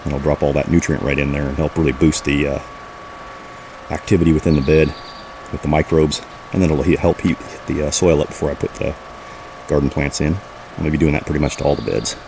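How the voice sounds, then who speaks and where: Strolling through his backyard garden, a homesteading vlogger with an exceptionally deep voice speaks briskly and with fairly even intonation. His talk is informal and spontaneous as he points things out, and background noise is clearly audible.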